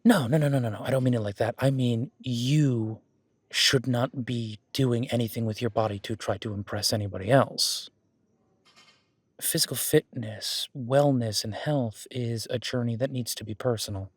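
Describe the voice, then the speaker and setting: This one-sided roleplay has a man voicing an easygoing, gym-loving werewolf who stands by his partner, speaking casually at a medium pitch and moderate pace, correcting himself as he rambles. He sounds earnest and reassuring, his voice slightly rough and lightly acted. It's recorded very dry, with barely any room and no echo.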